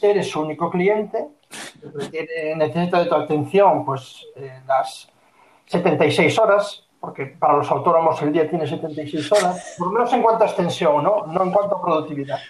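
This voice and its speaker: A man's voice: high voice, brisk. A man co-hosting a casual online chat, joking and self-mocking as he tells work stories over a video call. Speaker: co-host; freelancer. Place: room in Vigo. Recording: roomy echo, faint background hum.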